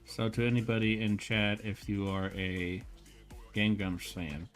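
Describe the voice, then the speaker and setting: A man's voice: fairly low pitch, fairly even intonation, unhurried, faint music behind. A man hosting an art stream, chatting casually while he draws, laid-back, laughing often and swearing freely.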